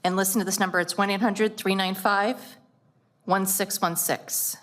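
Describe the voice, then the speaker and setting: A woman's voice: mid-range voice, steady tone, a bit bright. Woman, school board member, earnest, choked up, public meeting remarks. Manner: earnest, emotional, drawn-out emphasis.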